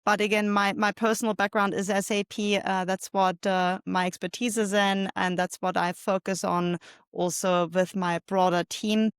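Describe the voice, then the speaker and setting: Middle-aged woman from Germany, podcast guest, clean smooth voice, dry close sound, relaxed chatty delivery. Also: mid-range voice, moderate pace, no echo. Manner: relaxed, many filler "uh"s. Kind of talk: casual interview talk.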